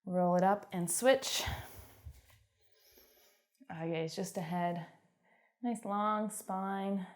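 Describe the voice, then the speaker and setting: A young woman with a Canadian accent guiding a home workout, giving encouraging cues and calm stretching instructions. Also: mid-range voice, extremely slow. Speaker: fitness instructor.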